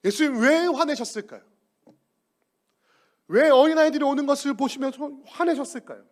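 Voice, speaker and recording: A man preaching as pastor, who swells high and loud in fervent passages, then drops low, and acts out quoted lines. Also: moderate pace. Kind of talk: sermon.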